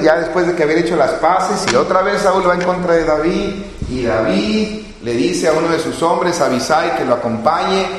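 Male pastor, mid-pitched voice, dramatic storytelling sermon, roomy long-echo hall sound. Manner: retells scripture with dramatic acted quotes. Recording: echoey hall with long reverb.

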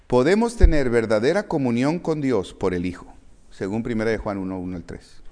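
A man preaching a sermon, reading scripture and swinging between loud emphasis and quiet, low quotes.

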